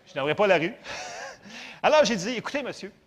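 Animated Québécois man telling a story. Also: sits high, normal speed. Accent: Québécois French. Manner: animated, conversational, self-mocking. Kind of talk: storytelling testimony to an audience.

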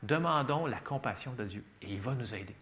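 Animated preacher with a Quebec French accent. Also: male voice, medium pitch, brisk. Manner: lively, conversational, checks in with the congregation. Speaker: pastor. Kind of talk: sermon.

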